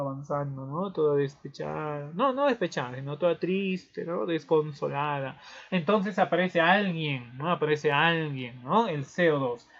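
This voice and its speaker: A male teacher giving a physiology review, explaining with playful storytelling and frequent tag questions. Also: fairly high pitch. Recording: dull lo-fi recording.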